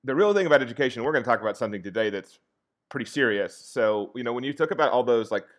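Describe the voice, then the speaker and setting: A history teacher appears as a guest on a podcast in a casual interview, earnest and reflective, with many restarts and fillers. His soothing voice is medium-pitched and expressive, yet he talks rapid-fire.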